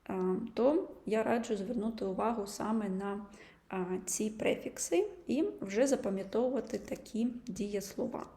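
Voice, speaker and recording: A woman teaching a language lesson, patiently explaining and slowly sounding out example words. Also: medium pitch, warm tone, reverberant. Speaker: German teacher.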